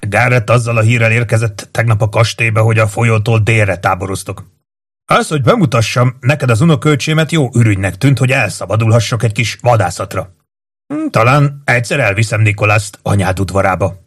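A man's voice: lowish voice, lightly acted. A man voicing a practical, seasoned huntsman nobleman in an audiobook, speaking in a plain, matter-of-fact way.

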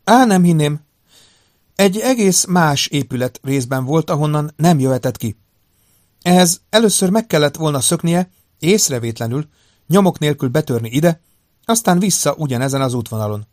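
A man voicing a composed middle-aged woman psychiatrist in an audiobook, with a pleasant, measured manner. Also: on the high side, animated, darkish tone, dry recording, studio quality, voice pushed up, close to an everyday voice. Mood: reassuring. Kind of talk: audiobook character voice.

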